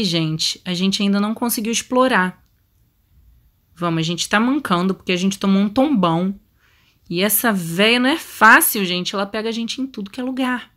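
Bright-voiced Brazilian woman gaming. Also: mid-range voice. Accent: Brazilian Portuguese. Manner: chatty, shrieks and pleads when startled. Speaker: gaming channel host. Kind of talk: horror game let's play commentary.

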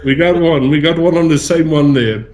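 A man's voice: fairly high pitch, moderate pace, a little mellow. A man, a podcast co-host, talking in a casual, blunt and opinionated way with some swearing, over a video call. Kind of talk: casual chat.

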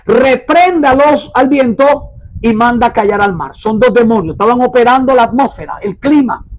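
A man preaching a sermon and reading from the Bible, emphatic, repeating phrases and slowing down to stress words. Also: extremely high pitch, lively intonation, poor audio. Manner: urges listeners to mark their Bibles.

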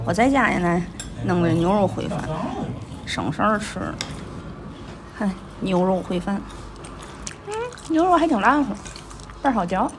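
A woman food vlogger with a Tianjin accent talks casually as she eats. Her pitch moves about in a lively way. She is recorded in a noisy small restaurant with clatter around her. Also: moderate pace, pauses often. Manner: chatty, commenting on each bite. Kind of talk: casual chat over a meal. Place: small busy restaurant, indoors.

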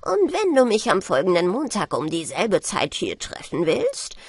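A woman's voice: medium pitch, wildly swooping pitch, moderate pace, breathy edge, no room sound, clean studio sound, heavily acted. Woman reading as a sly old merman. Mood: sly, hearty. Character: old male merman, sly, hearty, fond of brandy.

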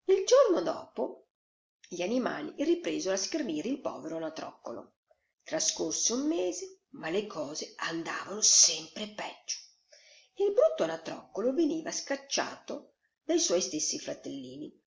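A woman storyteller reading a fairy tale to children in an expressive, sing-song way. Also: fairly low pitch, measured pace, creaky. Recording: roomy echo, slightly dull sound.

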